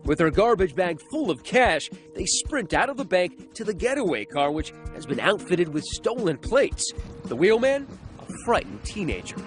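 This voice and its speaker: A man's voice: sits high, sing-song, moderate pace. A man narrating a true-crime news story in a punchy, suspenseful scripted style with wry asides. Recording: music bed under narration. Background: music.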